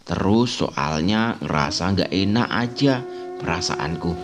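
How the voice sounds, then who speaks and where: A man's voice: deep voice, lively intonation, slow, background noise. A man voicing a timid, frightened young child in a spoken horror story, talking hesitantly with a pleading edge over background music. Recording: music playing underneath.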